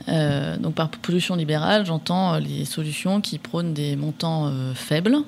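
A woman speaking as a guest on a radio talk show, her voice carrying a gravelly creak. She explains her points steadily, pausing on hesitations as she works through them. There is a faint hum of ambience behind her. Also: low-pitched, darkish tone. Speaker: guest, local association representative. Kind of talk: radio interview.

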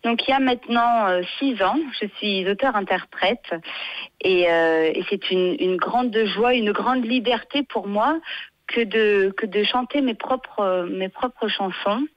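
A contralto woman talks as a radio guest and pauses often to restart her phrases. Her voice comes over dry and a little dull, like a narrow-band line. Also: medium pitch, no echo. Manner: hesitant, many restarts and fillers. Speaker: singer-songwriter guest. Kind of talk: radio interview.

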